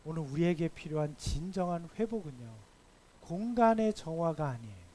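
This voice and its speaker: A man preaching a sermon as pastor at a church service, telling stories with lively acted dialogue and emphatic swells. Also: fairly high pitch, moderate pace.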